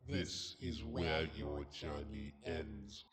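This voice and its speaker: Layered demon, extremely deep. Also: male voice, little pitch movement, crowd noise, exaggerated voice. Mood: menacing. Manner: slow, ominous, threatening. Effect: pitch-shifted layered demonic voice, low and high copies stacked.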